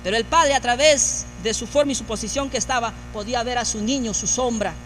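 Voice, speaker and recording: A man's voice: very high voice, fairly quick, fairly bright tone, a little hiss or hum. A man preaching a sermon as pastor, building emphasis through repeated phrases. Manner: preaching with rising, emphatic repetition.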